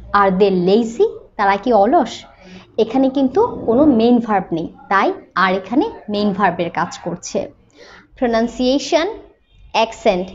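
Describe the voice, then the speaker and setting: A woman from Bangladesh, an English teacher, explaining patiently and slowing down to model sentences. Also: fairly high pitch, darkish tone, lo-fi sound. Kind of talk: explanatory lesson.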